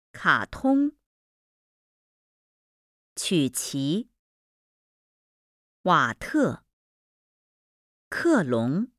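A woman slowly reading aloud Mandarin pronunciation drills from a textbook, enunciating every word with care. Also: on the low side, no room sound, studio quality. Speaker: language lesson reader. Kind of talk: slow, careful textbook reading.

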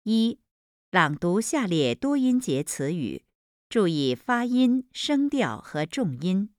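A woman reading exercise instructions and example words from a language textbook in a slow, measured way, recorded in a studio. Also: mid-range voice, very animated, no echo. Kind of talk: scripted Mandarin lesson instructions.

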